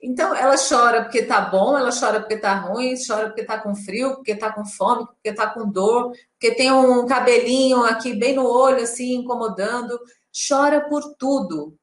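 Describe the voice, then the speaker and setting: Woman, mother, chatty earnest parenting talk, slightly high pitch, echoey. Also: moderate pace, few pauses. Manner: chatty, earnest, with many fillers. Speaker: co-host and mother.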